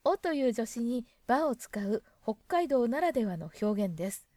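A woman's voice: a little high, sing-song, moderate pace, warm tone, no room sound. A woman presenting a casual spoken lesson, chatting and musing aloud as she acts out example lines.

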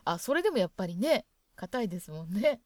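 Lively-voiced woman teaching dialect. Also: medium pitch, fast talker, no echo, clean studio sound. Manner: gentle, chatty explaining. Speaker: dialect lesson host. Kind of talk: explanatory lesson narration.

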